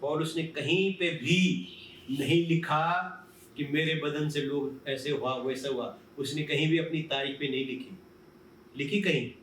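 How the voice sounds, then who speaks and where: A man's voice: a little high, fairly even intonation, a little slow, fairly bright tone, a little hiss or hum. A male pastor preaching a sermon, posing questions and answering them himself. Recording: roomy, from a distance, faint ambience.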